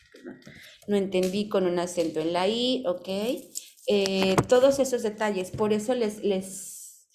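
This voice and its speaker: A woman's voice: medium pitch, noisy background. A Mexican woman guiding students through an online class. She reads instructions from the screen and explains them patiently, with an affectionate tone toward her students. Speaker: virtual class advisor.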